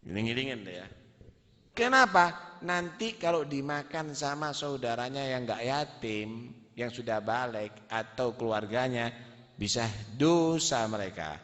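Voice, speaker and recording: A man's voice: medium pitch, lively intonation, a little slow, a bit bright. A male preacher telling a sermon story in a dramatic, emphatic way. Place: large hall at a religious gathering. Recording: reverberant hall.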